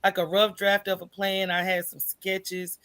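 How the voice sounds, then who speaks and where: An American woman with a smooth, slightly bright, medium-pitched voice speaks a little slowly with little pitch movement. She's an entrepreneur guesting on a podcast, telling her own story informally and candidly in conversation, often checking in with "right?".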